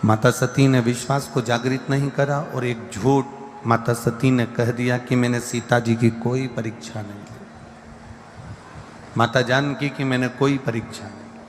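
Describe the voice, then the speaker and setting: Slow Indian preacher in a reverberant hall. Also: male voice, mid-range voice, fairly even intonation, slight background noise. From central India. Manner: slow, repetitive preaching with lists and mimicked everyday talk. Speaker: religious storyteller. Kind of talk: devotional sermon with sung verses. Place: large live gathering hall. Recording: long hall reverb with faint music.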